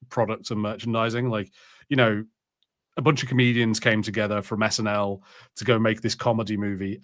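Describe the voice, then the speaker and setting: A podcast co-host chats about films during a watch party, informal and jokey with some swearing. His lowish voice is a bit bright, and the studio-quality recording has no room sound.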